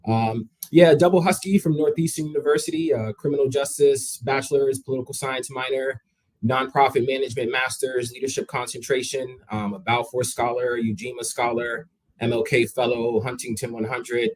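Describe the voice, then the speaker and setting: In a relaxed interview, a young guest of Jamaican heritage speaks with energy and a conversational tone, frequently repeating his opening words. His mid-range voice has fairly even intonation at a moderate pace, in a low-quality recording.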